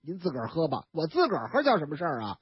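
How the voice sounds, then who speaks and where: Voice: medium pitch, huge pitch swings, rapid-fire, slightly rough, dry recording, voice pushed down, full character voice. A storyteller with a Beijing accent voicing a bold, boisterous middle-aged woman factory worker who drinks heavily. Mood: defiant. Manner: brash, boisterous, bossy. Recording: dull, dry radio studio recording.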